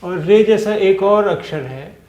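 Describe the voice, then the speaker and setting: A male teacher with a somewhat high voice gives a language lesson at a very slow pace. He patiently repeats each letter sound and often pauses with "uh". The room around him is echoey. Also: a little mellow. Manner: patient, repeats sounds, many hesitant "uh" fillers.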